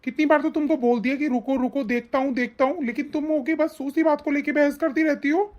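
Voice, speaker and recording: A woman voicing a busy adult son and husband in an animated story, speaking in a defensive, brushing-off way. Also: high voice, fairly quick, close to an everyday voice. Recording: slightly dull lo-fi audio.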